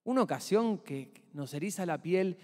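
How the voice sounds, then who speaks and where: A man's voice: high-pitched, lively intonation, normal speed, darkish tone. A man with an Argentine accent preaching a sermon and dramatizing the scene he describes in a church hall. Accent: Argentine Spanish.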